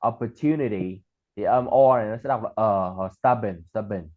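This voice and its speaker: A man's voice: on the low side, normal speed. A man chatting casually and then teaching pronunciation, explaining and repeating example words. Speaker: English tutor. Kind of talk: casual chat and pronunciation lesson. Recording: tinny phone-like line.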